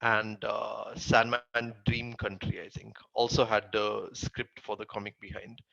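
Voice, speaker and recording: A man with a Tamil accent talks casually as an interview guest. His voice sits on the low side with a heavy creak and a forceful edge. The recording is dry and a little dull. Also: little pitch movement, a little slow, no echo. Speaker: interview guest, comic writer. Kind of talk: casual interview answers, recounting career.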